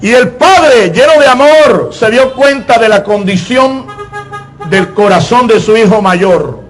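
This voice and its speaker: A man preaching a sermon in an emphatic style, repeating his phrases and often pausing on filler words. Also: very high-pitched, expressive, faint music behind.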